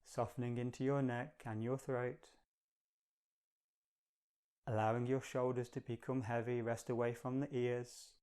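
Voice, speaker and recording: A man leads a guided meditation, offering slow, soothing instructions in a calm, gentle, measured way. His voice sits in the mid-range and has a clean tone.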